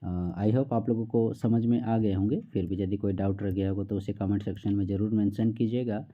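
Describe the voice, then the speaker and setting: A man teaching a class quiz, who reads each question slowly and keeps checking in with the listener. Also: on the low side, fairly even intonation, phone-quality sound. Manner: repeats "theek hai" often, reads questions slowly.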